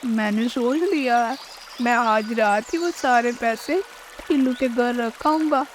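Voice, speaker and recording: A woman's voice: fairly high pitch, slow pace, a little hiss or hum. A woman voicing an honest young boy bird, the son of thieves, who talks in an earnest, pleading way. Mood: earnest remorseful. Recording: faint music behind the voice.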